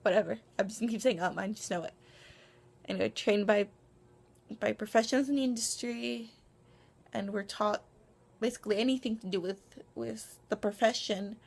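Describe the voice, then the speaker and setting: A woman's voice: medium pitch, normal speed, vocal fry, long pauses. A young woman vlogging to camera in a casual, rambling way, with many ums, restarts and self-conscious asides. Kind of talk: casual vlog monologue. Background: dog barking.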